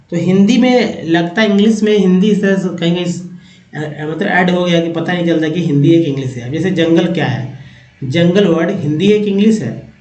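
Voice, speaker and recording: High-voiced man teaching English vocabulary. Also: darkish tone. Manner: explains each word slowly, repeating it, rising emphasis on new words. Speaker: English teacher and channel host. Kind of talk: Hindi vocabulary lesson. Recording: echoey room.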